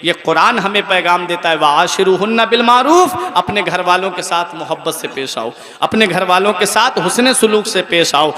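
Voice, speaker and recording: High-voiced man preaching over echoing PA. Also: moderate pace, few pauses. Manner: impassioned, rising to forceful exhortation; storytelling with rhetorical questions. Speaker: Islamic preacher. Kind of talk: sermon at a religious gathering. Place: wedding gathering on a public address system. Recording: long reverberant hall sound with crowd noise.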